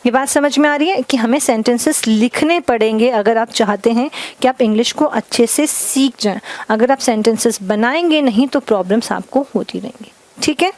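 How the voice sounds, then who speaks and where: Higher-pitched woman teaching grammar. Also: a little mellow. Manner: explains in Hindi mixed with English, dictates example sentences slowly word by word; addresses viewers as "guys", repeats "ठीक है" often. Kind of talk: classroom grammar lesson.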